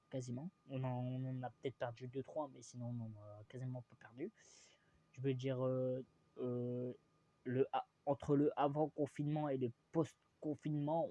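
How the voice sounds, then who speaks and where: Rambling young man, mellow voice. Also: medium pitch, highs cut off. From France. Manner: rambling, hesitant, many fillers and restarts; teasing, opinionated. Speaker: vlogger. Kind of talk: casual football vlog.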